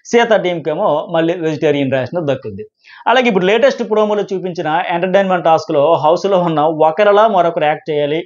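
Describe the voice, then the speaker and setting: A man giving a rambling, casual review of a reality show, with frequent restarts. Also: fairly high pitch. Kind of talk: casual commentary to camera. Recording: dull lo-fi sound.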